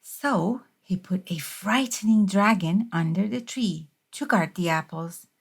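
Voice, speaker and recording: A woman narrates a children's picture book at a slow pace. Her pitch sits in the middle range for a woman, and she tells the story in a measured, expressive read-aloud style. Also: husky. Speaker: storybook reader.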